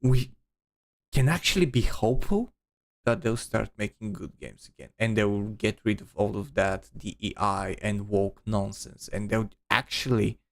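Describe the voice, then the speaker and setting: A man's voice: lowish voice, moderate pace. A man streaming, giving rambling casual commentary with many restarts and repeated words.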